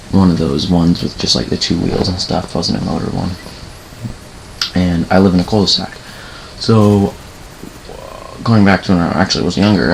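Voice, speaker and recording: Young male gamer, low gravelly voice, rambling casual storyteller, faint hiss behind. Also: rough recording. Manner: rambling, self-correcting, swears casually. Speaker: gaming channel host. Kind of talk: casual storytelling over gameplay.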